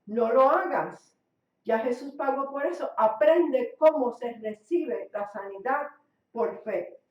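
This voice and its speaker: A woman's voice: high-pitched, slow pace. Woman, radio sermon, emphatic repeated phrases, roomy echo, dull lo-fi sound. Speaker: preacher. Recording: echoey, distant, dull lo-fi recording.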